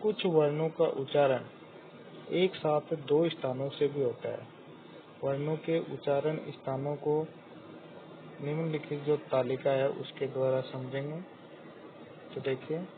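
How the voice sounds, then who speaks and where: A man with a slightly raised voice teaches a grammar lesson, moving very slowly and sounding out each letter with care. The recording is thin and phone-like, with a faint hiss under it. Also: a little high. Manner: slow, deliberate, spells out each letter sound.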